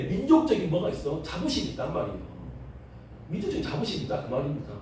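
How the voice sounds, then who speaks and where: A pastor from Jeolla with a Jeolla accent, lecturing a seminary class on the Bible in a lively, joking manner and often asking the class questions. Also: male voice, sits high, a little hiss or hum. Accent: Jeolla Korean. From Jeolla, South Korea. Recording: echoey room, recorded from a distance.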